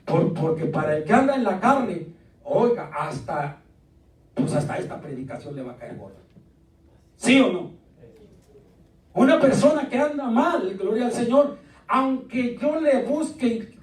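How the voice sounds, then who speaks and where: High-voiced pastor preaching in an echoey church. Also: male voice. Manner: lively, joking, calls out to the congregation. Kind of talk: sermon. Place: church sanctuary. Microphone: distant from the mic. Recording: echoey church recorded from a distance.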